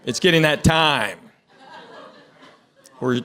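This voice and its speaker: Male stand-up comedian, middle-aged, moderately high voice, conversational storytelling, acted-out dialogue. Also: takes it slowly, sharp tone, smooth.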